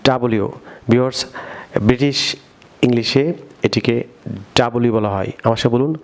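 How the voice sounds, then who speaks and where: A man's voice: mid-range voice, a little mellow. A man with a Bangladeshi Bengali accent giving an English pronunciation lesson, often calling on his viewers and having them repeat words after him. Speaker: English teacher.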